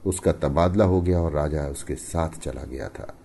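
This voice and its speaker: A man narrating a story in an expressive audiobook style, with emphatic rises and hushed falls. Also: rumbling low, measured pace, a little hiss or hum.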